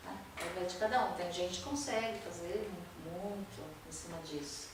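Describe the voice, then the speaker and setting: A woman's voice: medium pitch, slight background noise. A woman teaching a poetry workshop, explaining rhyme and meter in a lecture and often checking in with her listeners. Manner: explanatory, checks in with frequent rhetorical "né?". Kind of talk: classroom lecture on verse and rhyme. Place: workshop classroom. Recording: echoey room, voice from a distance.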